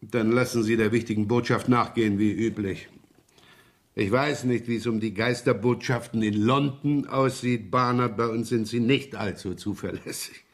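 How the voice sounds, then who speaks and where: An actor playing a wry, slightly scatterbrained police inspector in a radio crime drama, chatty and ironic. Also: male voice, medium pitch, fairly even intonation, moderate pace, natural voice. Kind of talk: 1970s German radio crime drama acting.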